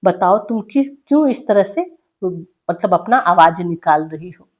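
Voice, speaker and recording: A woman's voice: on the low side, expressive, a little slow, dull audio. A woman teaching a Hindi poem, reciting each verse with emphasis and then explaining it in loose, conversational speech full of fillers.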